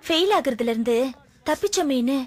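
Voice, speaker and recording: A woman's voice: high voice, lively intonation, normal speed. An actress playing a cheerful, headstrong young female college student who talks in a chatty, coaxing way. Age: young adult. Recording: film soundtrack under loud music.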